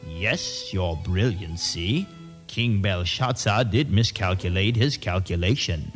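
An actor playing a scheming male royal advisor who flatters in a smooth, self-assured way. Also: low-pitched, slow, faint music behind. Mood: placating. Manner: oily, flattering, coolly confident.

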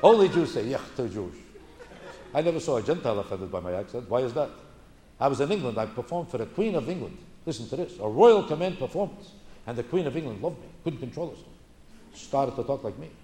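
An American man does a stand-up comedy routine of observational rants, indignant and emphatic, repeating phrases for punch. His medium-pitched voice is warm, quick and sing-song, in an echoey live room on a clearly noisy recording.

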